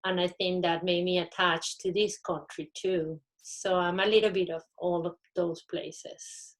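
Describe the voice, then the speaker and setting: Low-voiced woman, flat delivery. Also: measured pace. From Venezuela. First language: Spanish. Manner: reflective, personal storytelling. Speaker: panelist. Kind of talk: panel discussion.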